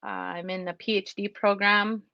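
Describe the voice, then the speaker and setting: A woman from North Dakota, a PhD student, introducing herself in a relaxed way over a video call. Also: mid-range voice, no echo. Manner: laughing, relaxed, slow. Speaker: guest speaker and PhD student. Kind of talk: informal self-introduction. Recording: dull lo-fi dry sound.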